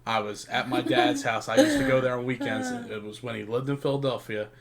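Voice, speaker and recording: A man's voice: mid-range voice, huge pitch swings, brisk, gravelly, over a noisy crowd. Blunt joking young man. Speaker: podcast co-host. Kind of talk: casual podcast chat.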